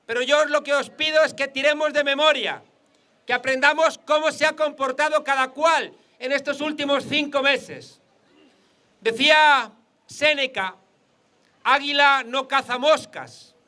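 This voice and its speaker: A man's voice: very high voice, moderate pace, sharp tone. A man with a Spain Spanish accent giving a political rally speech outdoors, mixing jokes with rhetorical repetition. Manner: rhetorical, joke-telling, repeats for emphasis.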